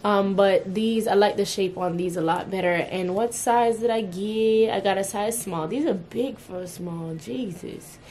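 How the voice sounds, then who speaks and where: A woman's voice: medium pitch, measured pace, hardly any pauses, a little mellow, slight background noise. A young woman chatting casually to her viewers as she cleans and sorts things in her bedroom, exclaiming as she goes. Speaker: vlogger. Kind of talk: casual chat. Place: bedroom at home. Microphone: camera on the bed.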